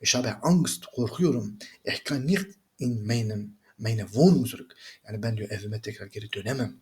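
A man who teaches German reads a German reader aloud slowly, pausing after each line to translate it in quick, conversational remarks. His voice sits on the low side.

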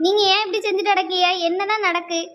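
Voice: little pitch movement, fast, a bit bright. A performer voicing a worried elderly mother-in-law in a cartoon family drama, pleading and insistent. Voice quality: very high, squeaky cartoon voice.

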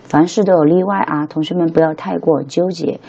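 Low, husky woman teaching English. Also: steady tone, a little fast, warm tone, muffled recording. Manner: chatty, keeps checking with listeners. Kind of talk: casual spoken lesson.

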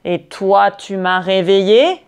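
Angry storybook lion played by a woman, loud, gruff, slow and deliberate. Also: medium pitch. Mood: furious. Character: furious big male lion, woken up.

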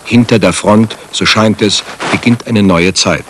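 A man reading scripted documentary narration in a sober, measured studio voice-over. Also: on the low side, noisy background.

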